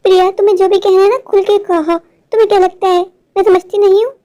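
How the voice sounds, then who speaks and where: A woman's voice: extremely high pitch, little pitch movement, quick pace, dark tone. A woman voicing a stubborn, protective middle-aged mother who scolds insistently and speaks devoutly. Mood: scolding. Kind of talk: storybook voice acting.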